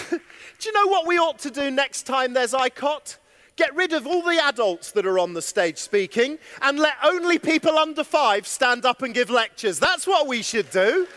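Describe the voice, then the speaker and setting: A man giving an animated conference keynote from a stage, chatting with and questioning his audience. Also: extremely high pitch, moderate pace, slight background noise. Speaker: keynote speaker. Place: stage in a large hall. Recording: long hall reverb.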